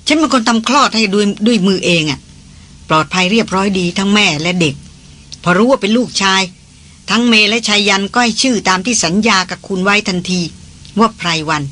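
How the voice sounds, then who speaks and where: A reader voicing an earnest titled lady on a jungle trek, who talks fast when anxious. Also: medium pitch, a bit bright, natural voice. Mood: warm.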